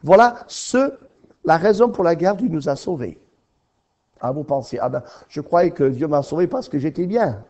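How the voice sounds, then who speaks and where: A man preaching a sermon, asking rhetorical questions and swinging between loud emphatic lines and soft, low ones. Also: animated, normal speed.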